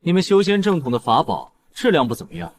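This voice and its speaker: A man's voice: fairly high pitch, expressive, fast talker, gravelly, no echo. An actor playing a swaggering young male fighter who mocks his foes in a coarse way. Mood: cocky. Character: cocky brawler man, a body cultivator.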